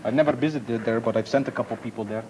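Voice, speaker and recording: A man playing a boastful, menacing visitor, mocking and quick to take offense. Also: medium pitch, darkish tone, slight background noise, close to an everyday voice, rough recording. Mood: sparring.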